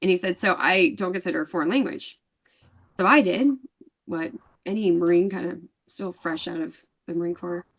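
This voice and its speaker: As an interview guest, a woman tells a story in casual conversation, animatedly performing the lines of the other people involved. Her voice is lowish and creaky, at a moderate pace.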